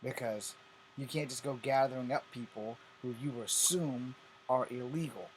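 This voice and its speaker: A man's voice: mid-range voice, normal speed, low-quality recording. Fifty-something man from Virginia, blunt cursing vlogger, slight background hiss. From Virginia, USA. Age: 50s. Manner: blunt, profane, repetitive. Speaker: vlogger host. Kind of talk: casual ranting vlog.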